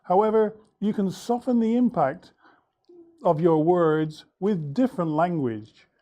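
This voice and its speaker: A man teaching English, going over the answers to a lesson in a clear, measured way with some fillers. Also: high voice, animated, mellow.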